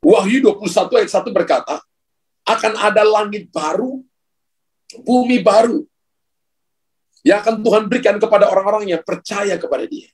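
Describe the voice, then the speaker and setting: A man's voice: high-pitched, normal speed, long pauses, breathy edge. A male pastor preaching a sermon, speaking emphatically and addressing the congregation directly.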